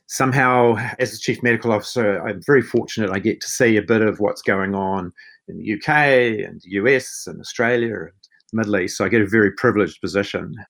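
A man's voice: lowish voice, a bit bright. A man with a broad New Zealand accent giving conversational answers as a podcast guest. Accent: broad New Zealand (Kiwi). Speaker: podcast guest, chief medical officer and physician.

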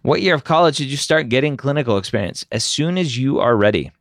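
With lively intonation and a quick pace, a middle-aged man from the United States runs a casual advice Q&A, answering listener questions on his podcast. His pitch is medium, and the clean studio recording has no room sound. He's candid and opinionated, often ending points with "right?".

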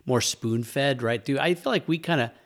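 A man's voice: medium pitch, moderate pace. A middle-aged man hosting a casual chat, joking around and reminiscing, admitting he sounds like an old guy. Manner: joking, chatty, self-aware about sounding old. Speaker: podcast host.

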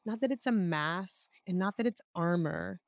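A woman co-hosting a podcast, hoarse and raspy from a cold, chatting in a reflective way with many fillers. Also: fairly low pitch, normal speed, no room sound, studio quality. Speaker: podcast co-host. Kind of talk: casual chat.

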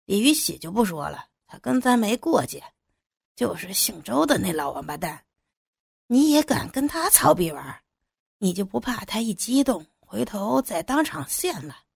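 A woman's voice: mid-range voice, big pitch swings, normal speed, creaky, slightly rough, dry recording, studio quality, exaggerated voice. A woman voicing a crude, swaggering young male contractor in an audiobook, talking coarse and leering, then fawning. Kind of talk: audiobook character voice.

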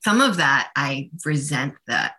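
Low bright-voiced woman, state rep, earnest and chatty, lots of "like"s. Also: sing-song, a little slow. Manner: earnest, chatty, many "like" fillers. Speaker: state representative. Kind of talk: casual radio conversation.

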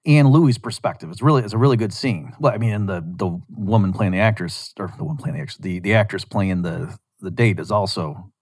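A man hosting a show, casually retelling a scene from a show in a rambling, animated way with lots of restarts. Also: low-pitched, a little fast, few pauses, no echo, studio quality. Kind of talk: casual storytelling monologue.

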